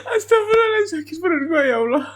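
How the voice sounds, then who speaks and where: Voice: medium pitch, sing-song, moderate pace. Laughing, exclaiming reaction vlogger. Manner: laughs nonstop, exclaims loudly and repeatedly. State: laughing to tears. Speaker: reaction video creator. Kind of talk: casual reaction commentary.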